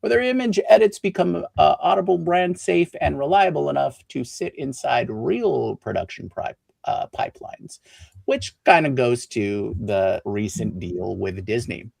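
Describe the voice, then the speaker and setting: A man's voice: medium pitch, lively intonation, measured pace, vocal fry, a little mellow, slightly rough, no room sound. A male co-host reading a tech news item, slipping in and out of an announcer voice. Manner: slips in and out of an announcer voice. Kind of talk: news segment.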